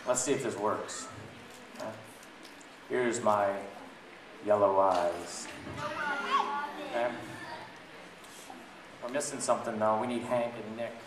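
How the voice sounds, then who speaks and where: Pausing often, this man speaks slowly with a fairly low pitch and fairly even intonation. He is a children's book reader and blogger, reading to families at a school event in a playful, theatrical way and putting questions to them. The large indoor room is echoey and noisy, and the mic sits far off.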